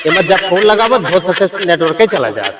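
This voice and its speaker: A man's voice: high-pitched, very animated, moderate pace, far from the mic, very noisy. A man playing a long-suffering rural aunt with an eastern Uttar Pradesh accent, grumbling chattily and plaintively in a village comedy skit. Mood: plaintive, chatty. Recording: echoey, loud music underneath.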